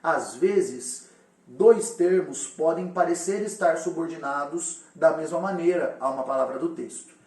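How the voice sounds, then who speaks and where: A man with a fairly high voice teaches a recorded lesson and speaks straight to his students. He sounds set back from the mic, and the room gives his voice a clear echo. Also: measured pace, darkish tone, far from the mic. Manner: explanatory, addresses students directly.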